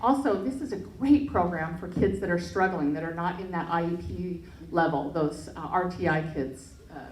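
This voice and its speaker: An earnest woman pitches her project in a low, mellow voice, stumbling over fillers and restarts. She is picked up from a distance in an echoey hall. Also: normal speed, a little hiss or hum. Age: adult parent. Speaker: project presenter. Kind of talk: pitch presentation and Q&A. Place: event hall. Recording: echoey room, mic from far off.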